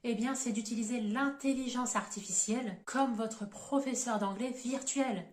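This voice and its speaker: Woman exam coach, methodical, fairly high voice, roomy echo. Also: moderate pace. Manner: methodical, counts off pros and cons one by one. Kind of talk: video lesson. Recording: echoey room.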